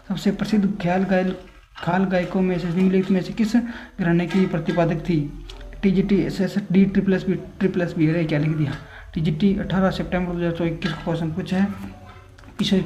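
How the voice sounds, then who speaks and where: A man's voice: sits high, little pitch movement, brisk, warm tone. An unwell man teaching an exam-prep lesson in a casual way, repeating himself, apologizing often and building memory tricks. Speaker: online exam tutor. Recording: echoey, dull lo-fi room recording.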